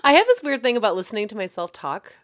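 An American woman with a slightly hoarse voice, co-hosting a podcast in casual chat. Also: on the high side, wildly swooping pitch, quick pace, fairly bright tone. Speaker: podcast co-host.

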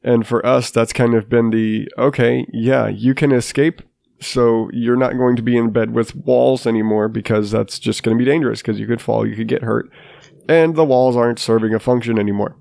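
Hosting his own podcast while stuffed up from a sinus infection, a man in his thirties rambles, mocks himself and keeps restarting. He speaks at a moderate pace with fairly even intonation in a mid-range, creaky, slightly mellow voice. The sound is clean studio quality with no room sound.

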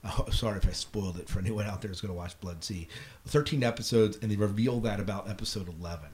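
A middle-aged American podcast host talks fast in a voice on the low side and a little mellow. It's a casual chat about shows, films and what he's been reading, captured in a clearly noisy recording.

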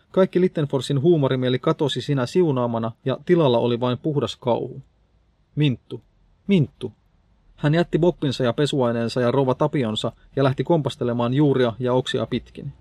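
A man narrating an audiobook in steady, measured scripted narration. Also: mid-range voice, dry recording.

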